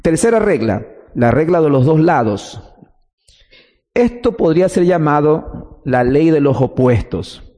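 A man's voice: on the high side, expressive, a little slow, mellow, in a large hall. A man preaching a teaching sermon, explaining step by step and answering his own questions.

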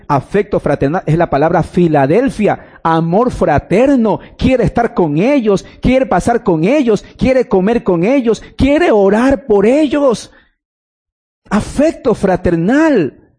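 A man's voice: high-pitched, darkish tone. A man preaching a sermon, telling a story and acting out the lines of the people in it.

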